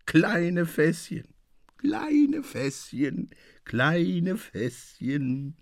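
Tipsy young fisherman, dreamy and slurred, drawn-out singsong lines, read by a male narrator. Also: mid-range voice, very animated, slightly rough, no room sound, studio quality, heavily acted.

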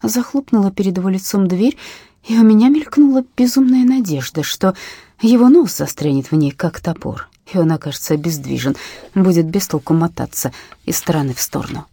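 Husky woman narrating an audiobook. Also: fairly low pitch, fairly quick, no echo. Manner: expressive, drops to a whisper in tense moments. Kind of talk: first-person novel narration.

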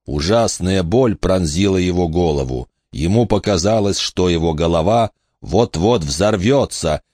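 A man narrating an audiobook in a steady, tense storytelling manner. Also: low voice, measured pace, dry recording, studio quality.

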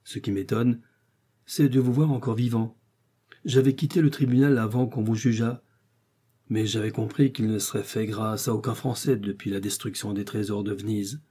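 A man's voice: fairly low pitch, steady tone, moderate pace, warm tone, breathy edge. A man voicing a young Venetian nobleman, a passionate, jealous lover, with impassioned, declamatory delivery. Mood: solemn.

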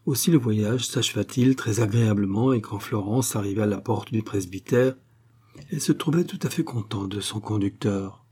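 Husky, dark-toned male audiobook narrator. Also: fairly low pitch, moderate pace. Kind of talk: scripted narration of a novel.

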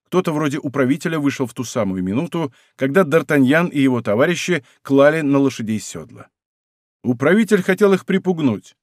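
A man narrating an adventure novel as an audiobook with an expressive, dramatic reading. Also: medium pitch, fairly quick, no echo, clean studio sound.

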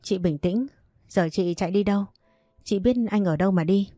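A woman voicing a protective, excitable younger brother who presses with worried questions. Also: mid-range voice, normal speed, no echo, clean studio sound, close to an everyday voice.

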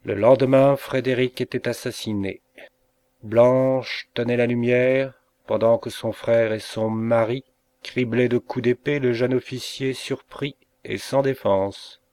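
A man reading a short story aloud in an unhurried, dramatic manner, voicing the dialogue himself. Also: medium pitch, steady tone, darkish tone, no room sound. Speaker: reader of short stories. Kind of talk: slow literary narration with dialogue voiced.

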